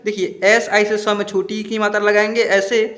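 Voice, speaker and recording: A man's voice: high-pitched, little pitch movement, a bit bright, reverberant, long reverb tail. A man teaching a spelling lesson, patiently sounding out words and checking that the students follow. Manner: patient, repeats words slowly and checks understanding.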